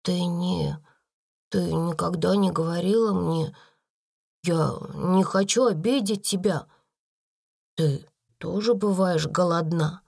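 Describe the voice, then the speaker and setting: A woman voicing a kind, timid, slow-witted schoolgirl who speaks hesitantly in a storybook reading. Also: deep voice, expressive.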